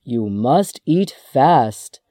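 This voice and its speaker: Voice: mid-range voice, animated, very slow, dark tone, no room sound, clean studio sound. Giant's wife in a storybook, anxious and urgent, played by the narrator.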